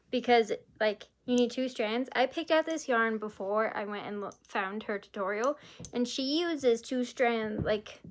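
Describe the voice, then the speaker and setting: Chatty woman with a slightly high voice. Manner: rambling, chatty, many "like" fillers. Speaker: crochet vlogger. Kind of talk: casual vlog chat.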